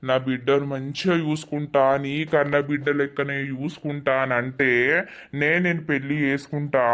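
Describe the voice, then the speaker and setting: Woman voicing a low earnest widowed husband. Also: level tone, normal speed. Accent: Telangana Telugu. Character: gentle widowed village husband, caring father. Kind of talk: animated village story dialogue.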